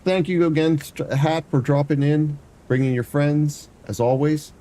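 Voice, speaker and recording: This man's voice is fairly high and warm, with fairly even intonation and an unhurried pace. Stuffy-nosed, the variety streamer gives casual, rambling commentary as he plays through a game live, musing aloud and humming.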